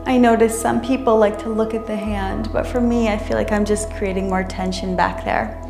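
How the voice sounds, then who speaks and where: A woman instructing a chair yoga class in a careful, unhurried way, gently guiding each movement. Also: medium pitch, steady tone, vocal fry. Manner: careful, unhurried, measured delivery. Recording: roomy echo, music underneath. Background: music.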